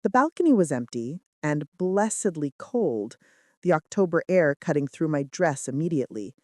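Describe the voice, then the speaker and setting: Reading a scripted romance story told in first person, this narrator brings dramatic suspense with a low, sing-song, slightly mellow voice at an ordinary pace. Her audio is studio quality and dry.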